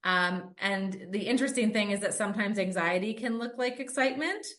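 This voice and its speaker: A woman who hosts a podcast and trains dogs talks briskly in a medium-pitched, somewhat bright voice. She goes through her points conversationally, leaning on frequent "um" and "like" fillers.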